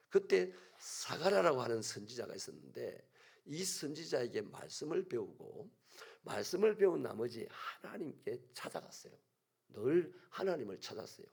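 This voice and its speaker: A pastor with a Gyeongsang accent preaches with animated storytelling, and his voice swings widely up and down. The tone is gravelly and a bit husky, and it sits somewhat high for a man. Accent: Gyeongsang Korean. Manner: animated storytelling, acting out scenes. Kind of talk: sermon. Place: church sanctuary.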